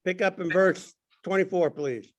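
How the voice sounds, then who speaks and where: A man's voice: high voice, moderate pace, dull audio. A man leading a Sunday school class in casual, rambling talk, joking and restarting his sentences. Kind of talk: casual Bible class teaching.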